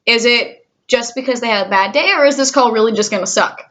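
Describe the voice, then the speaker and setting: A woman's voice: on the high side, quick pace, a bit bright. A woman in her twenties who works in a call centre, chatting candidly with a sarcastic, cynical edge. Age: 20s. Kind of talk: casual vlog chat.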